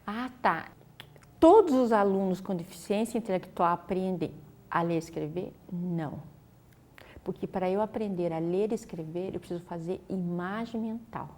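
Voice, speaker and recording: A woman's voice: lowish voice, normal speed, a little mellow. A woman, a teacher patiently explaining a literacy method in an interview. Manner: patient, instructive, uses many fillers.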